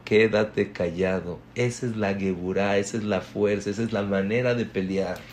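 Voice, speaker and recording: A man giving a religious class, telling stories that move between hushed and emphatic delivery. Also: fairly low pitch, fairly even intonation, normal speed, a little hiss or hum. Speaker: religious teacher.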